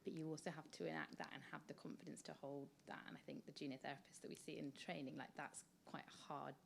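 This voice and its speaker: A woman's voice: low voice, little pitch movement, fast talker, gravelly. A woman therapist asking a question from the audience, hedging and searching for her words. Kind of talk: audience question at a professional event.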